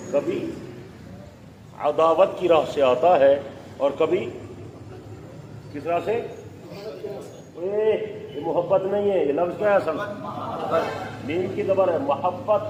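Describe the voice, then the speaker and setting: A male religious teacher giving a classroom lecture, dictating slowly and emphatically and breaking off into scolding asides. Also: fairly high pitch, dull audio. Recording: echoey hall with faint ambient noise.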